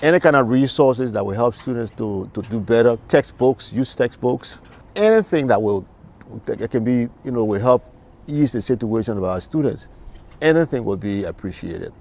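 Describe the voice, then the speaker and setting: A man from Liberia, a math instructor speaking in an interview in a measured way with frequent fillers. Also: medium pitch, darkish tone.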